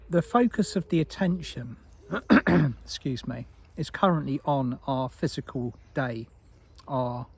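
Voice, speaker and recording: A man giving an unscripted spiritual talk as a teacher, soft and meandering with frequent restarts. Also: mid-range voice, vocal fry, slight background noise.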